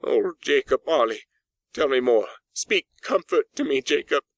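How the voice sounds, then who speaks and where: A man voicing a cold, sharp-tongued old miser shaken by dread, excitable and pleading, in a dramatised storybook reading. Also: medium pitch, a little slow, dry recording, voice pushed up.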